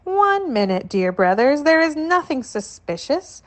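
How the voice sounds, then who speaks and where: Woman reader playing a young cousin, pleading, voice pushed high. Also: very animated, measured pace, a bit bright, exaggerated voice. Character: young man, cousin of the hero, pleading with guards.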